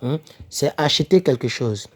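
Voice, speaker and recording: This English teacher for French speakers has a medium-pitched, expressive voice at normal speed. In a relaxed home-made vocabulary lesson he repeats words, fixes his own slips along the way, and keeps asking "ok?" and "n'est-ce pas?".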